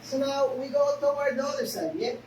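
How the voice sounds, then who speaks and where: A woman with a high-pitched, slightly mellow voice, talking a little fast, instructs a karate class. A native Spanish speaker with a Spanish accent, she speaks in short, broken phrases and keeps asking "okay?" The audio is noisy and echoey, with the mic far away.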